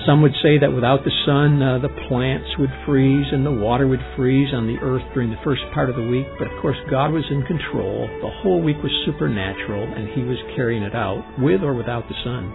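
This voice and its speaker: A man with a gravelly, husky voice, giving explanatory commentary as an expert in a documentary. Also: medium pitch. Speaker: expert interviewee, science lecturer. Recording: dull lo-fi sound, music behind.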